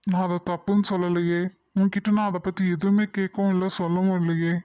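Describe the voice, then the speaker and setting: Cartoon drama: a woman playing a guilt-ridden young man, low and flat, curt weary lines, dry dull sound. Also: a little fast, clean tone, no echo, lightly acted. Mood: weary, brooding. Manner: subdued, weary, curt replies. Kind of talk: animated drama voice acting.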